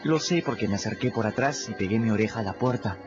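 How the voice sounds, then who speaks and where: Voicing a boy, a male narrator speaks in first person for a radio drama, earnest and reflective, his pitch rising when he's moved. His intonation is lively and his pace quick. The radio audio is muffled, with music underneath.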